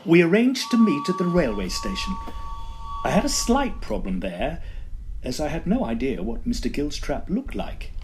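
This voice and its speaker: Over music, a man with a voice on the high side voices a fussy yet genial Edwardian estate agent in a tongue-in-cheek audio drama. At normal speed, his pitch swoops wildly as he tells the story in first person and in dialogue, using wordy, formal, old-fashioned language in a measured storytelling manner.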